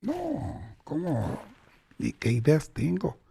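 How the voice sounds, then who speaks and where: A man's voice: fairly high pitch, wildly swooping pitch, slow pace, gravelly, husky, full character voice. A man voicing a desperate, unemployed poor man who murmurs pleas and temptations under his breath. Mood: tempted. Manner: hushed, pleading murmur, dropping to whispers.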